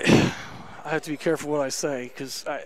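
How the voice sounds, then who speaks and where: A man in his thirties, a head basketball coach, gives a candid, emphatic post-game interview on an indoor gym court, talking through a headset mic with lots of fillers. His voice is a little high with fairly even intonation and normal speed. Music plays underneath, and the recording is rough.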